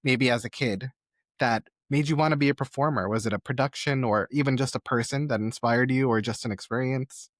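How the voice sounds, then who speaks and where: A man's voice: mid-range voice, a little fast, no room sound, studio quality. A man hosting an interview podcast, asking curious, encouraging questions. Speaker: podcast host.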